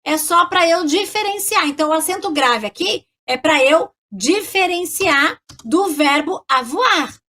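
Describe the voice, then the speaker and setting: A woman teaching French in a casual video lesson, chatting along and checking in with listeners after almost every phrase, slowing down to pronounce French words. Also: extremely high pitch, lively intonation, sharp tone. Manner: chatty, checks in constantly with tag questions.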